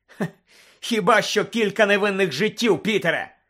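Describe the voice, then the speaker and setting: A man reading an audiobook, voicing a vengeful male wizard who roars and rasps with contempt. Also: medium pitch, a little slow, sharp tone. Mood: furious. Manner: roaring, hoarse, contemptuous. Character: furious vengeful male wizard, roaring and hoarse.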